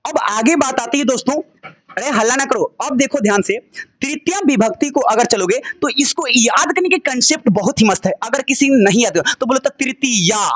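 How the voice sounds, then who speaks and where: Amid crowd noise in a classroom full of children, a male Sanskrit teacher speaks at an extremely high pitch, animated and fairly fast. His Hindi carries a Bhojpuri lilt as he has students repeat chanted word forms in sing-song fashion, joking to keep them engaged.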